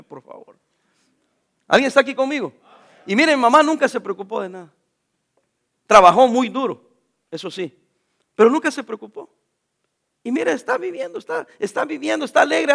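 A man's voice: extremely high pitch, vocal fry, fairly bright tone. A middle-aged man preaching a sermon as a pastor, jovial and joking with the congregation.

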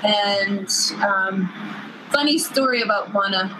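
A woman's voice: medium pitch, slow pace, noisy background. A woman in her fifties telling personal stories in a conversational way as an interview guest. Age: 50s. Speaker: guest, cycling team staff.

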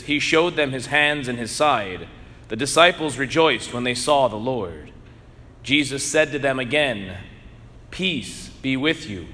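A man preaching as a priest, reading the gospel slowly and then preaching earnestly, his voice ringing with cathedral echo in a large church. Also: mid-range voice, sharp tone. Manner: slow, measured reading that turns earnest and emphatic in preaching. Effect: cathedral echo, long church reverb. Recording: echoey church with long reverb.

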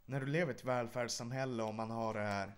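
A man chats on a podcast. He tells stories with energy and acts out the shouting in them. His voice sits at a middle pitch. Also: smooth. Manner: animated anecdotes, acts out shouting. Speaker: podcast co-host. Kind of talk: casual chat, storytelling.

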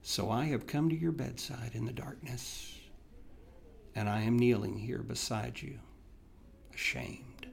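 A man gives a slow, unhurried dramatic reading in a mid-pitched voice. He sounds tender and remorseful, and his words often sink to near a hush at the ends of phrases. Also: steady tone, gravelly, a little hiss or hum. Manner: tender and remorseful, voice dropping soft on key words. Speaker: podcast host. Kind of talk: dramatic reading of a classic letter.

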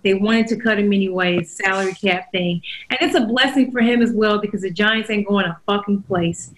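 A woman's voice: mid-range voice, low-quality recording. A woman co-hosting a podcast, talking bluntly and profanely in a casual, opinionated rant. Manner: blunt, profane, animated ranting. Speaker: podcast co-host.

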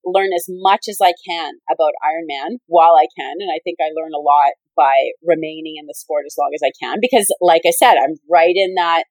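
A woman's voice: low-pitched, brisk, few pauses, darkish tone, dry recording, poor audio. A woman in her forties, a professional athlete and coach, talking casually in an interview, rambling with many fillers and restarts. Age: 40s.

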